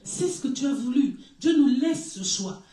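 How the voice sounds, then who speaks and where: A woman preaching in a relaxed, conversational way, with a voice that swings high and low. She keeps asking the congregation questions and laughs now and then. The sound is roomy and echoing, picked up from some distance away from the mic. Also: normal speed. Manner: lively, asks the congregation questions, brief laughs. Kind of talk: conversational sermon. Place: church hall. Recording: echoey room, voice far from mic.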